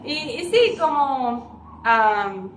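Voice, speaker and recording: A woman's voice: sits high, expressive, extremely slow. A young woman giving an informal, emotional sermon at a women's church gathering, chatty and full of tag questions. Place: church hall. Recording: echoey church hall, distant mic, background noise.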